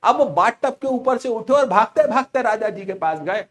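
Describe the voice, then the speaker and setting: Animated high-voiced teacher. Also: male voice, normal speed. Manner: animated, teasing, repeats key words as questions. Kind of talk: lively storytelling lecture.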